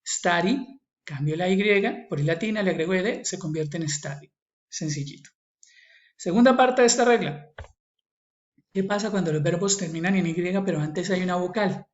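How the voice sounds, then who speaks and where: A man's voice: high-pitched, normal speed. Patient Colombian man teaching grammar. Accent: Colombian Spanish. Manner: patient, repeats each rule, checks in with "¿vale?" and "¿listo?". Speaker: English teacher. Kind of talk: recorded online lesson. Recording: echoey, slightly dull screen recording.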